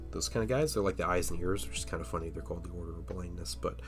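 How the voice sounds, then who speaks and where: Painting miniatures on a casual livestream, this man talks in a low, rapid-fire voice made nasal by a stuffy cold. Faint music plays behind him as he rambles, pauses uncertainly, and sinks into murmurs mid-task.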